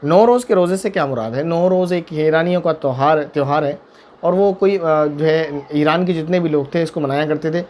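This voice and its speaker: A man serving as mufti talks through viewers' religious questions in quick, rushing speech. His voice sits a little high, and he drives points home with repetition and pointed rhetorical questions. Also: darkish tone. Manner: emphatic, repeats points, asks rhetorical questions. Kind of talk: religious Q&A talk.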